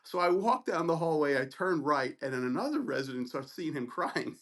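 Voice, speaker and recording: Animated, profane male storyteller. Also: a little high, fairly quick. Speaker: podcast host, physician. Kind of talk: casual podcast storytelling.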